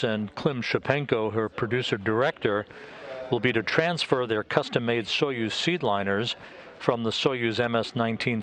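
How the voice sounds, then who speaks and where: American man, measured mission commentator. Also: medium pitch, fairly bright tone. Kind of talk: live spaceflight broadcast commentary.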